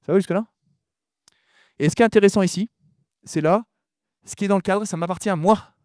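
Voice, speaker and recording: A man giving a conference talk to an audience. He talks fast, mumbles his words, and often repeats himself and restarts sentences. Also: high-pitched, darkish tone, dry recording, clean studio sound. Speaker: conference speaker.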